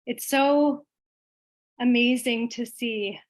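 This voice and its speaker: Slow, halting woman. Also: a little high. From Iqaluit, Baffin Island, Nunavut, Canada. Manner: halting, pausing often mid-sentence. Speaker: guest speaker at an online event. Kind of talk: informal talk to an online audience.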